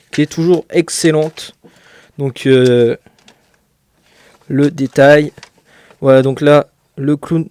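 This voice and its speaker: A man's voice: on the high side, a little mellow. A man giving a casual unboxing commentary as a LEGO reviewer, hesitant and full of fillers, with a joking aside now and then. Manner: hesitant, many fillers, jokey.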